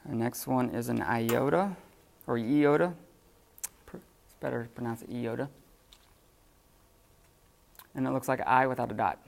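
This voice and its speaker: A man teaching a classroom lesson off the cuff, halting with many fillers and restarts. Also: medium pitch, level tone, vocal fry. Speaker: Greek teacher.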